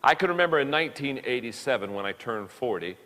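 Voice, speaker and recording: A man's voice: medium pitch, lively intonation, fairly bright tone. Fifty-something man teaching leadership, long echo. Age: 50s. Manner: halting, repeats words while speaking. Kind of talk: recorded leadership lesson.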